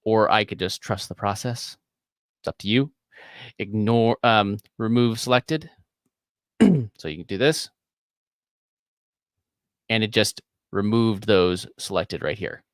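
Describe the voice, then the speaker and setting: Low-voiced man hosting a live editing tutorial. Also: slow, pauses often, dry recording, clean studio sound. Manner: casual, rambling, chuckles often. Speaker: host.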